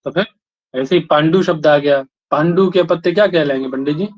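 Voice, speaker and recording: A man's voice: a little high, brisk. Man teaching grammar, quizzing students. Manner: repeats questions, prods students for answers. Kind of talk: classroom lesson, questioning students. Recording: dull lo-fi sound.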